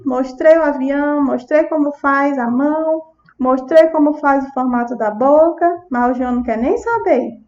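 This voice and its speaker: High-voiced Brazilian woman teaching. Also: darkish tone, lo-fi sound. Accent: Brazilian Portuguese. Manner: demonstrates sounds and words to a child; checks in with the audience often. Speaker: speech therapist lecturer. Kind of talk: lecture with demonstrations.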